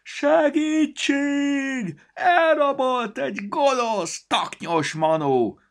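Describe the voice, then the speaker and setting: A man voicing an excitable talking storybook that loves adventure, crying out in a shrill, theatrical voice. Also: gravelly, exaggerated voice. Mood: shrieking.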